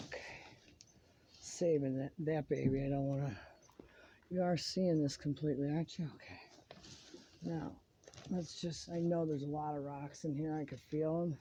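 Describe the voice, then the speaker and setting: Rambly gardener chatting while repotting, mid pitch, noisy phone video with clicks. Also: fairly even intonation, moderate pace, long pauses, dark tone. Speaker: home gardening vlogger. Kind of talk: casual hands-on demonstration.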